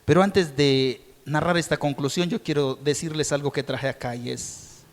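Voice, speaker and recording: A Colombian man preaching a sermon as pastor, questioning his congregation directly and swinging between calm teaching and loud shouted peaks. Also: on the high side, normal speed. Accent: Colombian Spanish. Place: church sanctuary. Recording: long reverb of a church hall.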